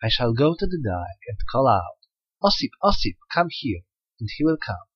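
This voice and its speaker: A man voicing a young village wife married to a water spirit, speaking in a raised, husky voice that rises to anguished cries. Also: medium pitch, big pitch swings, moderate pace, dry recording. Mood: cheerful. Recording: dull lo-fi recording.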